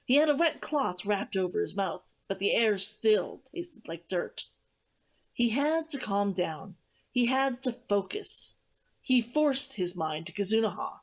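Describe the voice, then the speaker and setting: A woman narrates fiction in an audiobook style with a middle-pitched voice. Her intonation is lively and swings widely, giving the reading an expressive, dramatic storytelling feel. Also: measured pace, poor audio. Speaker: streamer reading a novel aloud.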